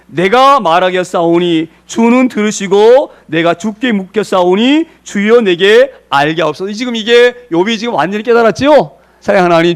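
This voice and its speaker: A male pastor preaching a sermon, slowing down on key words and asking the congregation rhetorical questions. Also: high-pitched.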